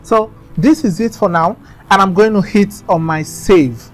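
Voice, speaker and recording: A man's voice: sits high, measured pace, faint music behind. A man talking through a screen-recorded design tutorial in a chatty, instructive way, often trailing off into mumbles.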